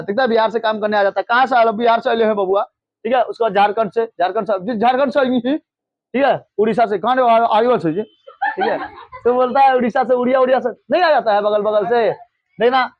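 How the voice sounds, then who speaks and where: A man with a strikingly high voice teaches a class, repeating each point and quizzing the room. The recording is dry and a little muffled. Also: no room sound. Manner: repetitive, drilling questions, mimics regional speech. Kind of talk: classroom lecture with call-and-response.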